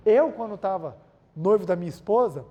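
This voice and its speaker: A man's voice: high voice, animated, moderate pace, narrow, tinny audio. A man with a Brazilian accent giving a spiritual talk full of everyday stories, often calling out to his audience and repeating key lines for emphasis. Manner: keeps addressing the audience as "gente", repeats key phrases for emphasis. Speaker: spiritual lecturer.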